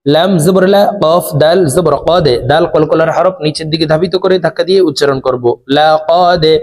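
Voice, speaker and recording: Patient man teaching recitation slowly. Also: fairly high pitch, steady tone, darkish tone. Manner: spells letters slowly and patiently, drawing out long recited vowels. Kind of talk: step-by-step recitation lesson.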